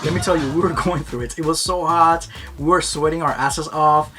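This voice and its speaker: A man's voice: fairly high pitch, fairly even intonation, a little fast. A man narrating his vlog in a casual, upbeat and heartfelt way, often talking about trusting his heart. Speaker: vlogger. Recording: voice-over with loud music behind.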